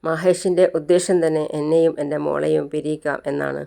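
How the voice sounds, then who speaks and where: The narrator voicing a young mother who is angry and protective, with sharp, defiant retorts in a clear voice. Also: sits low, fairly even intonation, a little fast.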